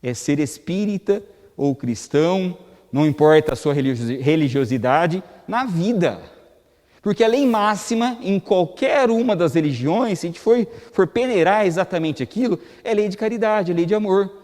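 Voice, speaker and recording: A high-pitched, darkish, animated voice belongs to a Brazilian man lecturing at a spiritist center at a moderate pace. He has a Brazilian Portuguese accent, speaks conversationally, asks the crowd rhetorical questions, and the room is reverberant.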